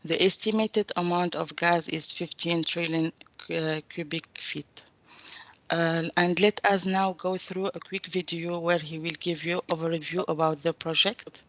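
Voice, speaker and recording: Female procurement coordinator, flat steady delivery, dry sound, filler words. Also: on the low side, measured pace, no room sound. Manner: steady, fillers between phrases. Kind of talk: presenting a webinar.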